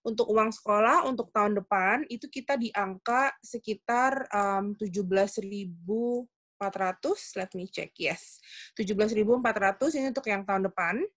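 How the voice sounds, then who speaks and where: A woman's voice: mid-range voice, normal speed, a bit bright, no echo. A woman who moderates the webinar, reading out questions and explaining fees step by step. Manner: matter-of-fact, explains step by step. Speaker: webinar moderator and recruitment staff.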